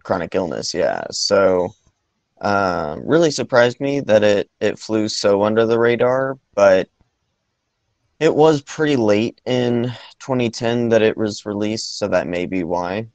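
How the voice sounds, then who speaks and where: A man's voice: lowish voice, expressive, measured pace, darkish tone, no echo. A man co-hosting a casual movie podcast, talking in a hesitant way with lots of ums and restarts. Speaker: podcast co-host.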